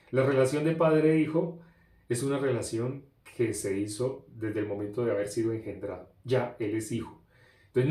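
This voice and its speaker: A man's voice: mid-range voice, warm tone. A man, preaching a sermon through a story, with emphatic repetition and rhetorical questions. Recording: echoey room.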